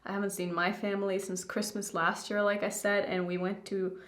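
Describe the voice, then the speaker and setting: A woman's voice: medium pitch, little pitch movement, fairly quick, fairly bright tone. A young adult woman rambling candidly to her viewers in a casual makeup vlog. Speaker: beauty YouTuber. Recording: roomy indoor echo.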